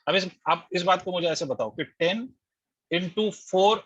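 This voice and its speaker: Here a man with a high, slightly bright and slightly rough voice speaks a little slowly as he teaches online physics. He goes step by step, tests his students, and blends English terms into Hindi, all in dull, lo-fi, dry audio with no room sound.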